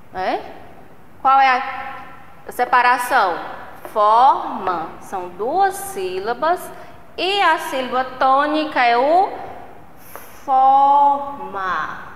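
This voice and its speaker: A Brazilian woman teacher gives a recorded lesson for young children, slow and patient, stretching out syllables and checking in often. Her voice is slightly high and bright. It rings in an echoey room with a long reverb tail. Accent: Brazilian Portuguese. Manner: slow, patient, drawing out syllables and asking "né?" and "certo?". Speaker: primary school teacher.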